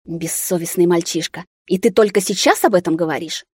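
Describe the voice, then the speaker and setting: A woman's voice: on the low side, fairly quick, darkish tone, husky, dry recording, studio quality. A woman reading an audiobook, voicing a dramatic, tearful middle-aged mother who exclaims in offense. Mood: plaintive, indignant. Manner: exclaiming, plaintive.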